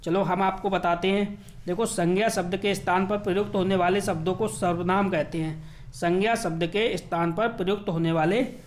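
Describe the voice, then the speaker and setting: High-voiced man teaching an exam paper. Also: fairly even intonation, slight background noise. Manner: repeats words slowly, asks and answers himself.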